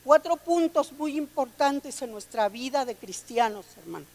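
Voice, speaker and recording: A woman's voice: sits high, lively intonation, moderate pace, darkish tone. A woman preacher delivering a sermon, reading scripture aloud and calling her listeners brother and sister. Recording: long hall reverb.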